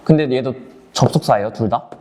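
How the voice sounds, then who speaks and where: A male English teacher delivers an online exam lecture, working through a passage sentence by sentence, asking and answering his own questions, and speaking directly to his students as he switches between English words and explanation. His medium-pitched, mellow voice runs a little fast, with a little hiss or hum.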